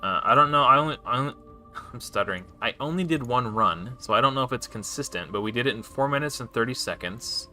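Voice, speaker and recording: A man's voice: medium pitch, lively intonation, fairly quick, bright, forceful tone. Casual rambling man over game music. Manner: casual and rambling, with frequent restarts and self-corrections. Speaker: game streamer. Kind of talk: live gameplay commentary.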